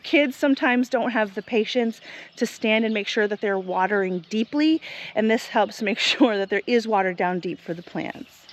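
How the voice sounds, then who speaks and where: A woman's voice: medium pitch, moderate pace. A woman vlogger chatting her way through a garden and greenhouse tour, upbeat and explaining as she walks, recorded outdoors on a handheld camera. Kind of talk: casual walking tour narration.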